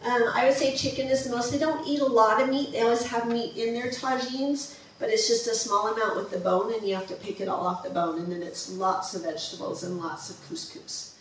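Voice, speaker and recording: In a very echoey museum presentation room, a woman on the high side of pitch talks briskly with hardly any pauses and fairly even intonation. Her travel slideshow talk is casual and enthusiastic, full of ums and restarts. The mic is distant, and there's slight background noise.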